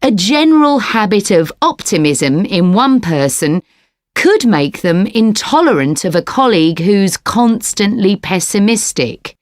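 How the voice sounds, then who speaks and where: A composed business studies lecturer delivers a scripted academic lecture, formal and explanatory, in a clearly structured way. She speaks slowly with lively intonation at medium pitch. The recording is very dry, with no room sound.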